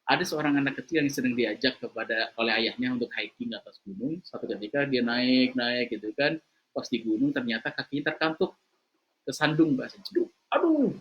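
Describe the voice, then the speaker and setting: Animated preacher, lo-fi sound. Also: male voice. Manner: animated storytelling, acting out voices in a high shout. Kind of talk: motivational religious talk. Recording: slightly dull lo-fi recording.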